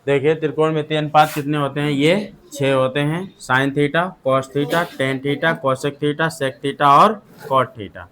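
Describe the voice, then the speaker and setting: A man with a Hindi accent teaching maths to a classroom at an unhurried, deliberate pace. He repeats questions to drill the students and calls on pupils one by one to read aloud. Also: fairly high pitch, steady tone, sharp tone, slight background noise. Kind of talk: classroom lecture.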